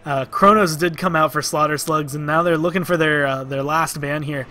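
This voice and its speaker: A man co-casting a video game match, giving steady analysis of team picks and bans. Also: on the high side, moderate pace. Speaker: esports co-caster. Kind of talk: esports casting commentary.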